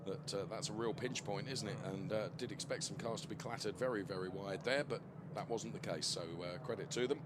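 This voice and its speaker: Male race co-commentator amid loud engine noise. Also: fairly low pitch, brisk. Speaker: motorsport co-commentator. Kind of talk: live motorsport commentary. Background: racing cars and trackside ambience.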